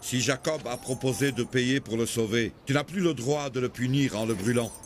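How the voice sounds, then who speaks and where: An actor dubbing a calm, authoritative judge who settles a ransom, in a historical drama. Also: male voice, medium pitch, normal speed, a little hiss or hum, lightly acted. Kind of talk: French dub of a historical series.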